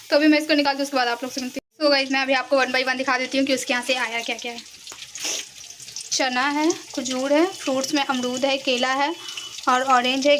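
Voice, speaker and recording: A woman's voice: high-pitched, background noise. A young woman chatting casually to her viewers in a home vlog while cooking in her kitchen, talking to the camera. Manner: chatty, laughs while telling a story. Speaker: vlogger.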